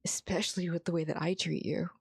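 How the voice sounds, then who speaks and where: A woman's voice: fairly low pitch, little pitch movement, fast, gravelly, husky, no echo, studio quality. A woman voicing a drunk, bitter, heartbroken young man who confesses in half-whispers while reading a story aloud. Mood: anguished.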